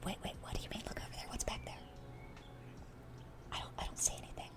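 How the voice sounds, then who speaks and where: Baffled and amazed, a woman whispers as an endearingly dorky young demon girl in ASMR roleplay, rambling on and eagerly repeating herself. She talks fast in a natural voice.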